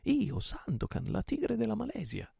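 A fierce, proud pirate chief who barks orders in a rough, gravelly voice, as a male reader puts him on. His bold commands rise high and loud over a dark, dry, low tone. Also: big pitch swings, moderate pace, no echo, exaggerated voice. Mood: jubilant shouting.

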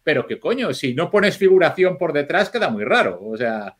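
A man, chatting as a podcast guest. His voice sits a little high for a man. He rambles through anecdotes, swears freely and restarts his sentences as he thinks aloud. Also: very animated, moderate pace. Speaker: film editor guest. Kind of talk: casual podcast chat.

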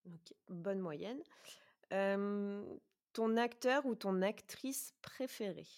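A woman hosting a podcast in a medium-pitched voice, talking in a chatty way with frequent hesitations. She asks quick questions, then runs through her prepared notes. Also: a little mellow. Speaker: podcast host. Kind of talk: casual podcast chat and prepared presentation.

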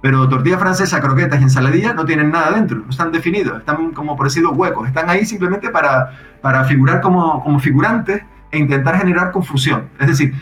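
A man casually explaining how his software works, thinking aloud with frequent restarts. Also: on the high side, fast, roomy sound, faint music behind. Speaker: software developer guest.

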